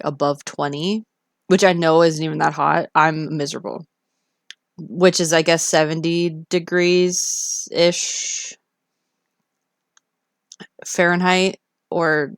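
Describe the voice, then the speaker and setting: Low-pitched Canadian woman chatting casually, unhurried. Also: dry recording, studio quality. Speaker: live streamer. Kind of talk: casual chat with viewers.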